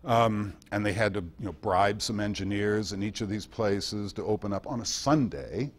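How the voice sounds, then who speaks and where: A guest speaker with a fairly low voice gives a history talk to a club meeting, telling loose, conversational anecdotes sprinkled with wry asides. He speaks at a moderate pace and keeps things informal.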